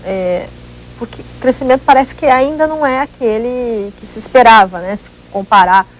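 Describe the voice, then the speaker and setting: A woman's voice: fairly high pitch, normal speed, low-quality recording. A Brazilian woman hosting a TV interview, politely framing questions and moving the program along. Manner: polite, frames questions, brief agreement cues. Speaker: TV interview host.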